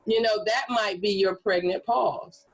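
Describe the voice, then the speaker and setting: A woman's voice: medium pitch, measured pace, rough recording. A woman coaching presenters in a training workshop, talking casually and acting out hype voices and whispers to demonstrate delivery. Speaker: speaking coach.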